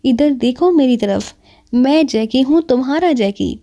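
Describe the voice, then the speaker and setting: Brief: woman narrator reading a boastful male thug in an audiobook, threatening and gruff, mellow tone. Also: high-pitched, animated. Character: menacing male street thug, hot-tempered and boastful.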